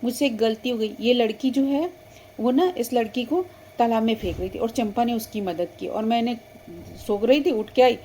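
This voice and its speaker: A woman voicing an older village sister in a doll story, scolding loudly. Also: a little high, normal speed, a little hiss or hum, lightly acted. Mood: regretful. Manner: loud, scolding.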